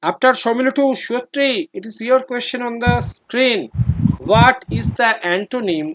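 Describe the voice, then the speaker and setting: A man's voice: very high voice, extremely slow, fairly bright tone. A man teaching English to children in an online class, firm and repeating his prompts, heard over a video call.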